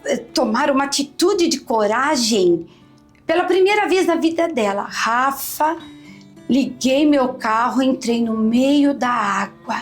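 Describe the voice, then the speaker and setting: Lady teacher, high voice, emotional story, keeps repeating herself. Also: animated, a little slow, soft background music. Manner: emotional, repetitive, often addresses the host by name. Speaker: teacher, interview guest. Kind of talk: heartfelt personal storytelling.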